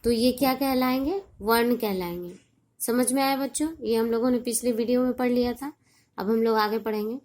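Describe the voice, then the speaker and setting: A woman teaching a primary school class in a recorded online lesson, explaining slowly and deliberately and often checking that the children understand. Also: on the high side, darkish tone. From India.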